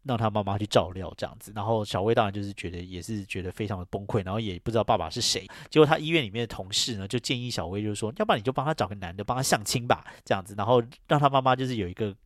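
A man's voice: racing, few pauses, no room sound, clean studio sound. A man hosting a podcast, recapping a film's plot in a rambling, casual way, often trailing sentences with filler phrases and acting out characters' lines. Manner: acts out characters' lines with jumps in pitch. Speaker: podcast host.

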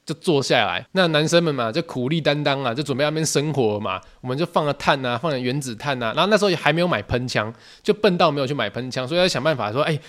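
A young man with a Taiwanese Mandarin accent, hosting a podcast and telling a story in a lively, casual way, acting out other people's voices. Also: mid-range voice. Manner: animated, quotes people in shifting voices. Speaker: podcast host.

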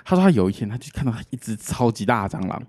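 Man, Taiwanese Mandarin accent, podcast co-host, casual chat, animated storyteller, quick talker. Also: fairly low pitch. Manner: animated storyteller, drawn-out phrasing.

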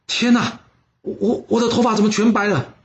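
Anguished fugitive general, frets then wails high, a guy putting him on. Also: fast talker, slightly rough, lo-fi sound. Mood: despairing.

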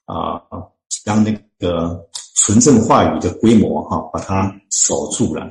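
A man, a church deacon and author, explains scripture in an interview, talking earnestly and slowly finding his words with many drawn-out fillers. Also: low voice, gravelly, a little mellow, roomy sound, poor audio. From Chinese-speaking, living in Canada.

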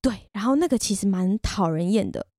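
A woman with a Taiwanese Mandarin accent tells a story about herself on her podcast, quick and chatty. She is candid and pokes fun at herself. Her voice sits at a middle pitch and sounds dry and close, with no room around it. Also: expressive, warm tone, dry recording. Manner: candid, chatty and self-deprecating. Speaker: podcast host. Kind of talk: casual personal storytelling monologue.

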